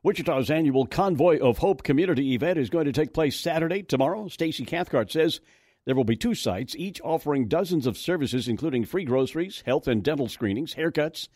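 A man's voice: on the high side, animated, fairly quick, a little mellow, no echo, studio quality. An American man hosting morning radio news, reading items and adding wry, conversational asides.

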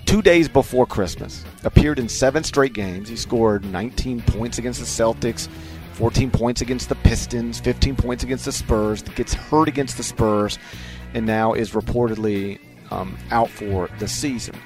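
A man's voice: medium pitch, moderate pace. Rambling male sports radio host over music. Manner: rambling, repeats phrases for comic emphasis. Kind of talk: casual sports talk and ad reads. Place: radio studio.

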